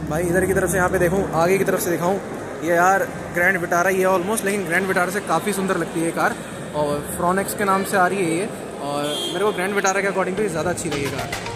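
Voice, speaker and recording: Amid heavy crowd ambience at a bustling indoor car show, a fast-talking man with a high, steady voice gives his viewers an informal tour of the new models. He keeps it chatty and addresses them as brother, and the recording is very noisy.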